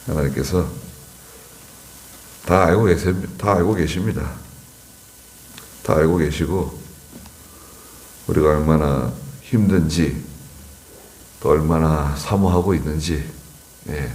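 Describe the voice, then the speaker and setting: A man's voice: extremely low pitch, slow, long pauses, a little mellow. A man preaching a dawn sermon as pastor, repeating phrases and voicing mocking questions to make his point. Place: church, dawn service.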